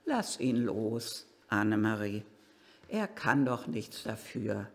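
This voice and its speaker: Male reader as a soft-spoken, pleading woman; low, hushed, unhurried, in an echoing hall. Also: sing-song, exaggerated voice. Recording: reverberant hall.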